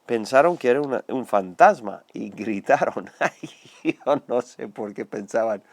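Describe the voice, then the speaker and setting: An older man with a Spanish accent preaches in a chatty, animated way, his voice a little hoarse from a cold that hasn't quite gone. The sound is dry and close, with hardly any room around it. He drops into little voiced asides as he tells the story. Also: mid-range voice, unhurried, no echo. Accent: Spanish (Spain). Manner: conversational, animated storytelling with acted quotes. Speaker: pastor. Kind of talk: sermon.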